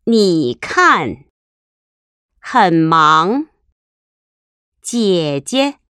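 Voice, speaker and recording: A woman modelling words for a pronunciation drill, speaking each syllable slowly and carefully. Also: fairly low pitch, big pitch swings, sharp tone, clear, resonant tone, no room sound, clean studio sound. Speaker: language teacher.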